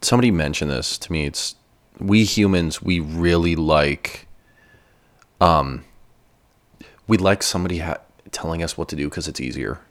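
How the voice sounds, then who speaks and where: A man's voice: low voice, moderate pace, long pauses. A man co-hosting a casual podcast discussion, joking and self-deprecating. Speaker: podcast co-host.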